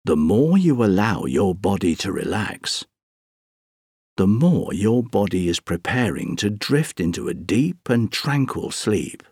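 Slow, soft, breathy man guiding relaxation. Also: fairly low pitch, big pitch swings, no echo, studio quality. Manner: soothing, unhurried, gentle instructing with long pauses. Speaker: guided meditation narrator. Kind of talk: guided sleep relaxation meditation, scripted narration.

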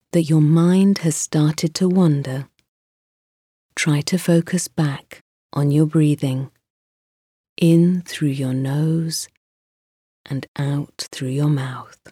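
A woman guiding a mindfulness meditation in a slow, soft, soothing voice with pauses. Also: sits low, husky, no echo, studio quality. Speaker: meditation guide.

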